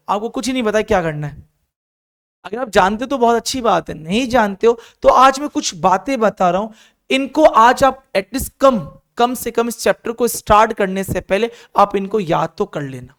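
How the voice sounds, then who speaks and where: A man's voice: high voice, fairly bright tone. A male chemistry teacher with an Indian accent giving an encouraging classroom lecture, drilling students through repeated call-and-response lists.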